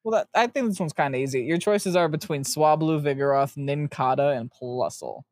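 A man reads out each set of quiz choices and teases his partner, laughing often. His voice sits a little high, and the sound is dry and close. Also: a little fast, a little mellow, no echo. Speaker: quiz co-host. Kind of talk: casual chat.

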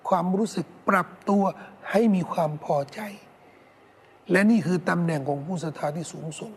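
Husky guy preaching, keeps hammering the same words, calls everyone brothers and sisters. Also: high voice, moderate pace. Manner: emphatic, repeats key words, addresses listeners as brothers and sisters. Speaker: Islamic preacher. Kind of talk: sermon.

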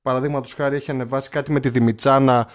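A man's voice: mid-range voice, flat delivery. An easygoing young man from northern Greece chats on a podcast in a mid-range voice. He talks in a hesitant way and trips over unfamiliar names. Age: young adult. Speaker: podcast co-host. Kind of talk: casual podcast chat.

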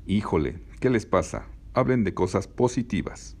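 A man voicing a calm, gentle teenage girl, in a read-aloud novel. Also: fairly low pitch, normal speed, voice pushed up. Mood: placid. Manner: placid, gentle.

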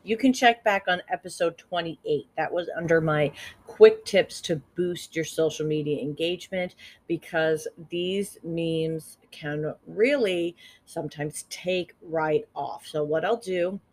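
A woman's voice: low-pitched, measured pace. Chatty woman podcast host. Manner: chatty, upbeat, laughs at own jokes. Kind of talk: casual solo podcast tips.

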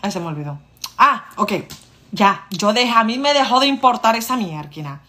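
A woman's voice: a little high, animated, moderate pace, bright, forceful tone. A woman, telling her own story in a casual monologue. She speaks to her listeners directly and acts out the dialogue. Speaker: vlogger.

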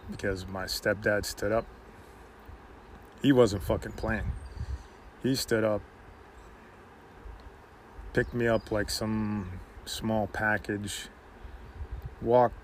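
Slow, halting man telling a story. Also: fairly low pitch, slight background noise, low-quality recording. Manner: halting, heavy with "you know" fillers. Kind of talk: personal storytelling.

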